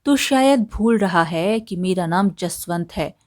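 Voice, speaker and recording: A woman's voice: lowish voice, lively intonation, takes it slowly, darkish tone, dry recording, studio quality. A woman voicing an arrogant middle-aged male landlord who scolds with contempt, in a storybook tale. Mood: angry.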